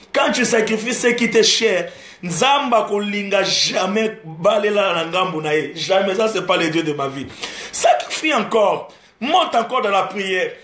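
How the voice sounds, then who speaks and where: This man, a gospel singer from the Democratic Republic of the Congo, is preaching a testimony sermon streamed live from church. His voice is high and a little bright, carried by room echo and a faint hiss or hum, as he repeats lines in a climbing cadence, laughs, and mixes French with Lingala.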